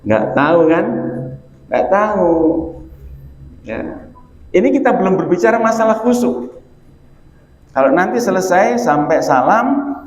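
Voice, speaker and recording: A man's voice: a little high, darkish tone, a little hiss or hum. Male preacher, folksy and teasing, muffled echoey mosque recording. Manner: folksy and joking, addressing listeners directly. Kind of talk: evening mosque sermon.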